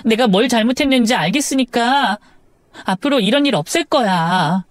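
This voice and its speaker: A woman's voice: a little high, animated, normal speed, no room sound, clean studio sound, lightly acted. A woman playing a flustered stammering wife. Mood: pleading. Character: young wife, defensive then pleading, flustered. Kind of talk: drama audio story.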